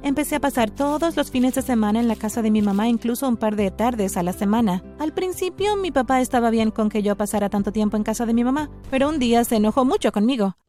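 Woman reading a first-person story, lively expressive voice, bit high, dry close sound. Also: fast, few pauses, faint music behind. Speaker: story narrator. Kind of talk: scripted first-person narration.

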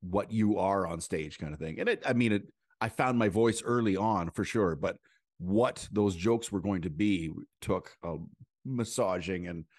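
A man's voice: sits low, darkish tone, no echo, studio quality. A man, a stand-up comedian guest on a podcast, telling rambling stories in casual conversation, full of asides. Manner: rambling storyteller with quick asides and voice impressions.

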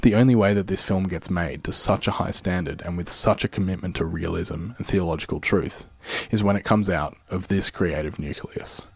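A man's voice: sits low, normal speed, husky, no room sound. A man giving scripted narration in the style of a film-analysis video essay.

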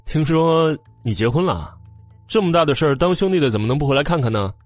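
A man's voice: fairly high pitch, animated, fast, no echo, voice pushed up, lightly acted. A man voicing an arrogant young man in an audiobook, talking in a sneering, taunting way. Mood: mocking. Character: arrogant, mocking young man, old friend. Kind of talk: audiobook character voice. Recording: dry close mic with faint music.

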